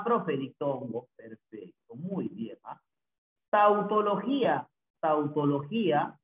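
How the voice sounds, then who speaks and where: Male teacher, slow drawn-out delivery, tinny phone-like sound in a roomy echo. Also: a little high. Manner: slow, repeats answers, adds "¿no?" tags. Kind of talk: recorded language lesson. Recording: echoey, phone-like lo-fi audio.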